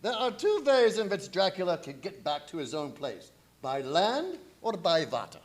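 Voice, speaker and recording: A man playing a commanding older professor and vampire hunter, deliberate and theatrical, in a radio play. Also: sits high, big pitch swings. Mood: resolute. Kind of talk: old-time radio acting.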